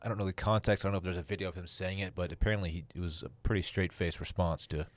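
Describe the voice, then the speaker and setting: A man's voice: sits low, fairly even intonation, very fast, no room sound. A man chatting casually as a panelist on a sports podcast.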